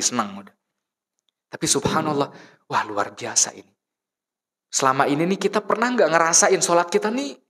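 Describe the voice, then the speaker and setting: Preacher, male, higher-pitched voice, conversational sermon, asks and answers his own questions, long reverb of a mosque hall. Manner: asks the congregation rhetorical questions and answers them; swings between soft asides and raised emphatic points.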